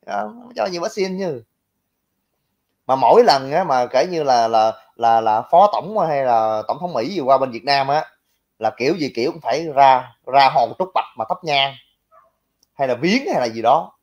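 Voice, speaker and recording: A man's voice: mid-range voice, expressive, normal speed, a little mellow, dull audio. A man giving blunt, mocking casual political commentary, talking directly to his viewers. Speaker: livestream commentator.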